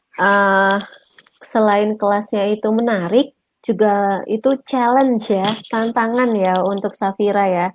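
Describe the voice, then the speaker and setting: A woman's voice: medium pitch, a little mellow. A woman with an Indonesian accent hosting an online interview, repeating and simplifying words for language learners. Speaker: host, interviewer. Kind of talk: online talk show interview.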